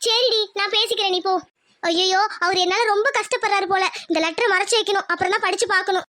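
A woman voicing a shy, anxious young village woman in love, talking in a hushed, worried way. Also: very high-pitched, fairly even intonation, fast.

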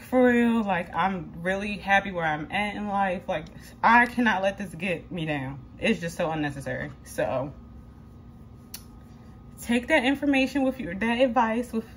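A woman's voice: mid-range voice, animated, moderate pace, slight background noise. Chatty young woman venting in a kitchen. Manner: candid and chatty, venting with lots of "like" and casual swearing. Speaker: vlogger. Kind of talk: casual vlog chat while cooking. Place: home kitchen.

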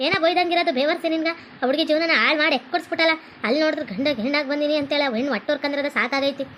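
A woman's voice: sits high, fairly even intonation, very fast, a bit bright, slight background noise. A woman playing a scolding village mother-in-law who nags in a North Karnataka Kannada accent. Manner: scolding, nagging.

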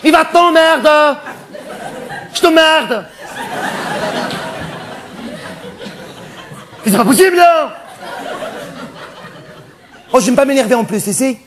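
A male comedian on stage playing a flamboyant, cross-dressing cabaret dancer in a stand-up character monologue, camp and theatrical, quick to snap at the audience. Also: very high-pitched, animated, some chatter behind. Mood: indignant.

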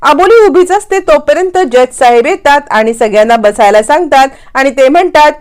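A woman's voice: sits high, lively intonation, moderate pace. A woman retelling a TV serial episode, acting out the characters' lines as she goes. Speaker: narrator.

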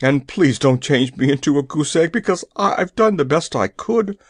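A man voicing a cunning, easily frightened male king of an underground realm in a storybook, slow and pleading. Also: a little high, lively intonation, slightly rough, no echo, studio quality. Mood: fearful.

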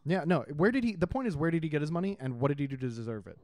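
A man's voice: a little high, very fast, no echo, clean studio sound. A man co-hosting a podcast in loose, profane casual chat, getting heated when he argues. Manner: animated, swearing, heated when arguing. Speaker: podcast co-host.

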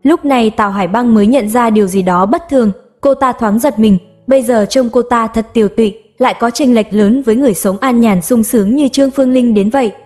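Woman audiobook narrator, steady storytelling read, slightly high pitch, faint music bed. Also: brisk, hardly any pauses. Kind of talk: scripted narration of a romance novel. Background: soft background music.

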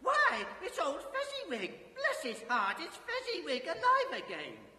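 A man's voice: very high-pitched, huge pitch swings, measured pace, sharp tone, pitched above the performer's own voice, heavily acted. A man voicing an old male miser who bursts out with startled, eager cries. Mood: excited. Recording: echoey room with long reverb.

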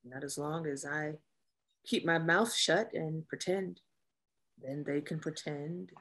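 In a drama table read, a woman plays a guarded Navy officer who presents as masculine, delivering lines in a dry, measured manner. Her voice sits low with a steady, somewhat bright tone, and the performance is heavily acted.

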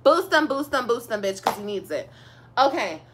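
A woman's voice: fairly high pitch, big pitch swings, normal speed, background noise. A young woman venting a profane, sarcastic story to her live stream viewers.

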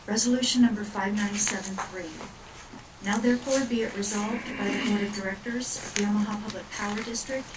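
A woman reads out names and a formal resolution as board clerk, steady and procedural. She is heard from afar, with strong room echo and a noise bed. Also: mid-range voice. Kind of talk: reading roll call and resolution. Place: public board meeting room. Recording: echoey hall, far mic, noise.

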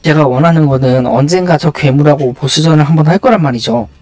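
A man's voice: fairly high pitch, fast, a little mellow. A man giving casual live video game commentary, muttering and thinking aloud to himself as he plays.

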